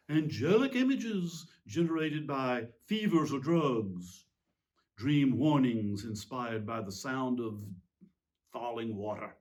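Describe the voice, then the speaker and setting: A man playing a petulant, self-justifying tyrant king in a theatrical, pompous, indignant monologue with emphatic pauses. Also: medium pitch, darkish tone, close to an everyday voice. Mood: indignant, alarmed. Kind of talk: theatrical dramatic monologue reading.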